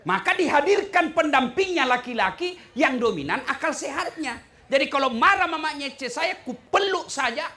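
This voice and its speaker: A man's voice: very high voice, normal speed. A middle-aged male preacher with a Makassar Indonesian accent, giving a humorous sermon full of jokes. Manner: lively, joking, sings song snippets.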